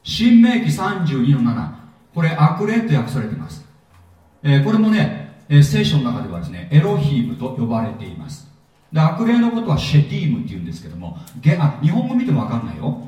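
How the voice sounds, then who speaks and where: A man teaching a sermon-style Bible seminar, lively and jokey, often asking his audience questions, recorded in a hall. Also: on the high side, fairly quick. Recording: echoey hall, mic at a distance.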